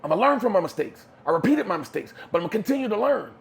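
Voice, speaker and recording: A man's voice: high voice, big pitch swings, quick pace, creaky. A man giving emphatic, preachy motivational talk on a podcast, using street slang. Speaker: podcast co-host.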